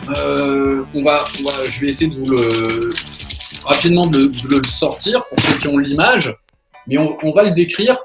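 A man hosts a relaxed talk show from a video call, his voice sitting a bit high. He fills his sentences with pauses and false starts as he gathers his thoughts. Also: over loud music. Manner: hesitant, many fillers and restarts. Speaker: radio show host. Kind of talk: casual chat over video call.

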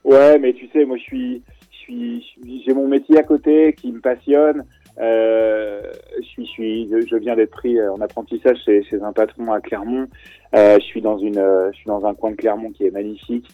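A man's voice: mid-range voice, moderate pace, no echo, narrow, tinny audio, soft background music. Man talking with many fillers. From France. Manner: hesitant, many fillers and restarts. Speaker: guest, event organizer. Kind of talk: radio talk show chat.

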